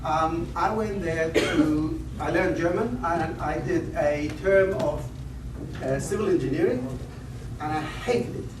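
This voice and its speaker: A man in his fifties from northern Iraq, an invited conference speaker, opens a lecture with rambling personal anecdotes, self-deprecating jokes and frequent restarts. His voice is on the high side and slow. The lecture hall recording is echoey, with a distant mic and background noise.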